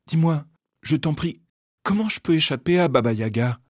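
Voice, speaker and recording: A man voicing a small, gentle girl who speaks softly and pleadingly. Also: fairly high pitch, animated, normal speed, no room sound, studio quality. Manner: soft, pleading.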